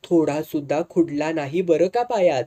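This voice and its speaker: A man's voice: on the high side, moderate pace, dark tone, close to an everyday voice. Narrator doing playful young village man, teasing, laid back. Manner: teasing, easygoing rural speech.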